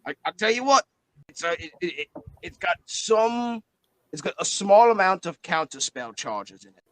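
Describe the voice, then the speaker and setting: An excitable male book familiar with a New Zealand accent, chattering away in a tabletop game, as a man puts him on. The voice sits high and is recorded dry and close. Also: normal speed, no room sound, poor audio. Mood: matter-of-fact.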